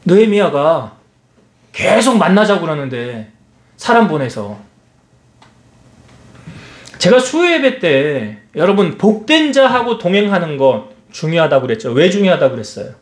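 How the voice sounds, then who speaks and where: A male pastor preaches with a high, lively voice that swoops up and down as he fires rhetorical questions at the congregation. His voice rings out in an echoey church hall. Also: a little slow, pauses often. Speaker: senior pastor. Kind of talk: sermon.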